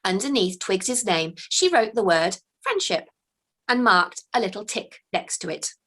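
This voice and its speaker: A children's author reads her own book aloud in an unhurried, mid-range voice, telling the story gently and expressively. Afterward she chats about her next book.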